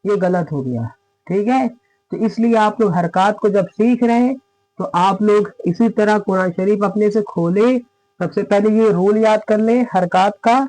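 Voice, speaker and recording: A man's voice: sits high, a little slow, a little mellow, no room sound, low-quality recording. A man giving a spoken lesson on Quran reading, explaining each rule step by step and checking in with his listeners. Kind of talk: spoken lesson with recited examples.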